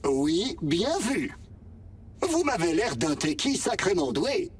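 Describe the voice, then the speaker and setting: A man playing a gentle, wry, talking vending machine in a French video game, polite and theatrical in manner. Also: high voice, big pitch swings, slow, slightly rough, far from the mic, full character voice. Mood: wry, candid. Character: chatty sentient male vending machine AI, gentle, wistful, wry.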